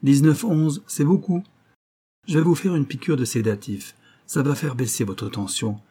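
Calm persuasive doctor, reassuring tone, slightly raised, read by a male narrator. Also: on the high side, normal speed, husky, pitched above the performer's own voice. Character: composed male doctor, quietly protective.

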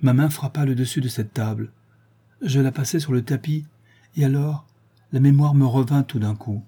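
A man's voice: mid-range voice, warm tone, husky, lightly acted. A man reading aloud as a feverish, delirious young woman, speaking in an impassioned, pleading way. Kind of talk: audiobook character reading.

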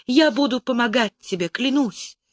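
A man's voice: moderate pace, no room sound. [name], a man voicing a frantic pleading young noblewoman. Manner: high, urgent, breathless pleading. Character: frightened, pleading young noblewoman disguised as a boy.

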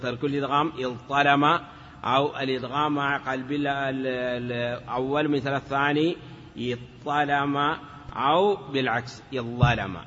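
Male teacher, patient classroom lecturer, bright tense voice, roomy lo-fi lecture recording. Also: medium pitch, a little hiss or hum. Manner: patient, explanatory, checks understanding with short questions; sounds words out slowly, syllable by syllable. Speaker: teacher of Arabic morphology.

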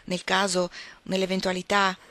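A woman's voice: medium pitch, completely flat delivery, normal speed, pushed and bright, no room sound, close to an everyday voice. A woman reading the lines of a poised, wry young countess in an audiobook. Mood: amused.

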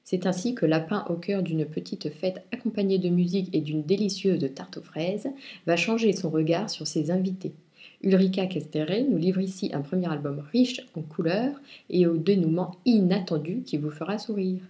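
A woman reviewing and reading a children's picture book aloud in clear, expressive storytelling. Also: on the low side, moderate pace. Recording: roomy echo.

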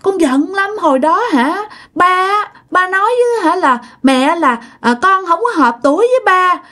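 A woman's voice: very high-pitched, expressive, moderate pace, bright, forceful tone, pitched above the performer's own voice, heavily acted. A woman voicing the ghost of a young child who was abandoned, reproachful and pleading. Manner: childish whining, clingy and reproachful. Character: wronged ghost girl-child, sulky, whining, pleading. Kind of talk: storytelling.

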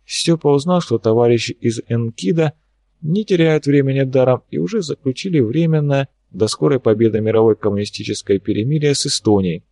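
A male audiobook narrator reads at an even, measured pace and a middle pitch. The recording is dry and close, with no echo at all. It sounds like steady, scripted narration. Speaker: audiobook reader.

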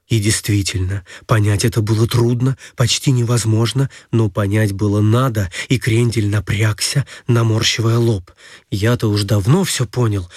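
A man reading an adventure story aloud in a lively storytelling manner. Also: on the low side, slightly rough, dry recording, clean studio sound. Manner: lively storytelling, voicing every figure. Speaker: narrator.

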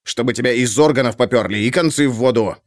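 A man's voice: medium pitch, fast talker, dry recording, clean studio sound, close to an everyday voice. A man voicing an angry, profane middle-aged police chief who hisses and swears at a subordinate in an audiobook. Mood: angry hissing. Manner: hissing, swearing.

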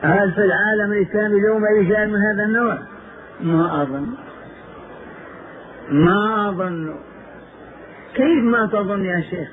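Male sheikh teaching a religious lesson, fairly high voice, keeps repeating himself for emphasis, tinny old tape. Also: moderate pace, long pauses, slight background noise. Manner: repeats phrases for emphasis, asks rhetorical questions. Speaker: Islamic scholar and preacher. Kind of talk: religious lesson retelling prophetic history.

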